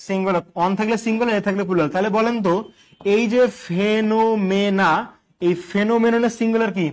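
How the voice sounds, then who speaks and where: High-voiced man teaching grammar. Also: steady tone, racing. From Bangladesh. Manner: quizzes listeners with repeated questions and jokes. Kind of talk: online exam-prep English grammar lesson.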